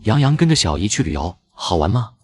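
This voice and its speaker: A man playing a young uncle, a company boss, who teases a little boy in an animated drama. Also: on the low side, fast talker, slightly rough. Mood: teasing. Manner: playful teasing.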